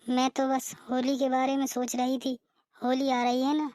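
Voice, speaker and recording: A cheeky, defiant younger sister-in-law from a cartoon, played by a woman, high-pitched and sassy. She talks back in a fairly even tone, recorded dry and close. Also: moderate pace, no room sound, close to an everyday voice. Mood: easygoing. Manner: sassy, retorting. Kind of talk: cartoon voice acting.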